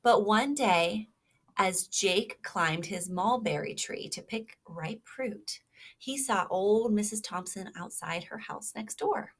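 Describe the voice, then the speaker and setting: Speaking slowly in a slightly rough, medium-pitched voice, a woman reads a storybook to children with lots of expression and stops now and then to prompt them with questions.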